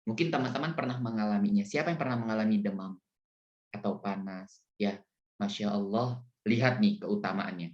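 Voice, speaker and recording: Male kids' teacher, deep voice, unhurried storytelling, echoey and dull call audio. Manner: slow, animated, often asking the children questions. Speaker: children's religious teacher. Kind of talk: storytelling lesson for children. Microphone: video call.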